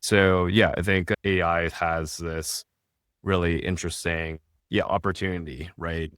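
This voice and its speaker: A man's voice: low voice, fairly even intonation, measured pace, a bit bright, clear, resonant tone, no room sound, clean studio sound. A man talking casually as a podcast guest, explaining steadily and often tagging his points with "right?". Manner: tags statements with a questioning "right?"; explains steadily, with small restarts. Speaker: guest, restaurant tech founder.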